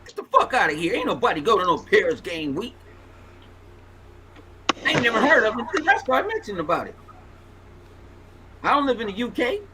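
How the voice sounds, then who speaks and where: High-pitched ranting podcast man, forties. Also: brisk, pauses often, slight background noise, poor audio. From Los Angeles. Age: 40s. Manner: profane, animated ranting. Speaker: podcast host. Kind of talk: casual podcast banter.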